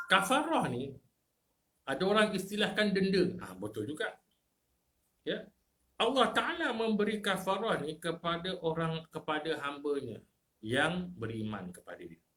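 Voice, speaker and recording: A man with a Malaysian Malay accent giving a lecture in a mosque as a religious teacher, putting rhetorical questions to the congregation and swinging between loud emphasis and low asides.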